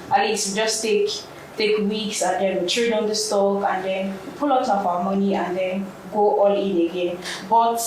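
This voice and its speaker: A young Nigerian woman giving an explanatory answer as an interview guest. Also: mid-range voice. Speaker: interview guest, trading competition participant. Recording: very echoey, distant mic, faint noise.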